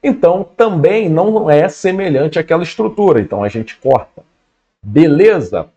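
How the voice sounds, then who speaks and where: A man's voice: a little high, lively intonation, moderate pace, mellow. Brazilian guy teaching grammar, chill and chatty, kinda muffled recording. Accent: Brazilian Portuguese. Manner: casual, keeps checking in with "beleza?". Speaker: Portuguese teacher for exam prep. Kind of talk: online exam-prep lesson.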